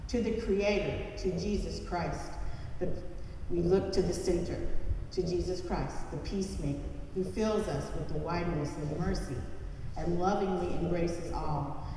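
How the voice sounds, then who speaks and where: A woman's voice: lowish voice, unhurried, warm tone, slight background noise. A woman leading a recited church prayer in a solemn, chanted cadence with repeated refrains, heard through a cathedral echo. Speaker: prayer leader at a church service. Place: large church. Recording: cavernous church reverb from a distant mic.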